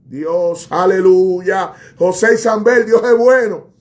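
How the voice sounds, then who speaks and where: Fervent high-voiced preacher. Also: male voice, takes it slowly. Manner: fervent, repeats phrases, cries out to God. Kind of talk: sermon.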